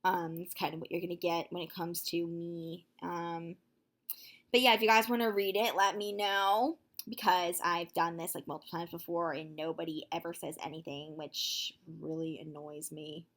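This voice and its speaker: A nineteen-year-old woman talking casually to her viewers in a vlog, chatty and full of fillers, quick to exclaim. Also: lowish voice. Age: young adult, nineteen. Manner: excitable, quick to gasp and exclaim. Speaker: vlogger.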